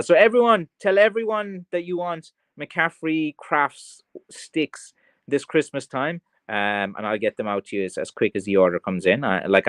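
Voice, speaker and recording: A medium-pitched man chats casually on a livestream, answering comments in a rambling, tongue-in-cheek way. He's a County Kerry craftsman selling blackthorn sticks, speaking with a mild west of Ireland Kerry accent, recorded with no echo.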